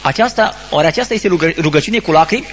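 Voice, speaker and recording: Man, high voice, stern preaching, rhetorical questions, dull lo-fi sound with a faint hum. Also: animated. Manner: admonishing, rhetorical questions, halting restarts. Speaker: Orthodox priest. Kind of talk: sermon.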